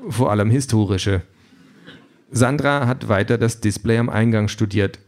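A man with a low voice reads a comic story aloud as audiobook narrator. His storytelling is dry and even, with scripted delivery. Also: moderate pace.

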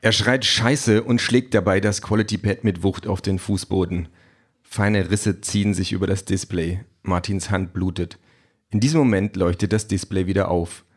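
A man narrating a story in an even, measured reading voice. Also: sits low, husky.

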